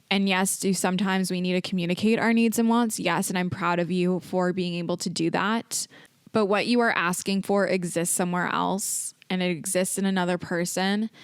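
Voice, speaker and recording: A woman's voice: lowish voice, clean tone, dry recording, studio quality. A young woman hosting a casual advice podcast, speaking earnestly and reassuringly, repeating points for emphasis. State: tearful, emotional. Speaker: podcast host.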